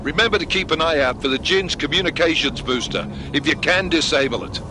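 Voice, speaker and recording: A curt military team leader calls out over a radio channel, his commands short and firm. His voice sits a touch high for a man. The game audio around him is full of loud noise. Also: a little fast. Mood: brisk. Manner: clipped, commanding radio talk. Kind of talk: video game dialogue. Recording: noisy game audio mix.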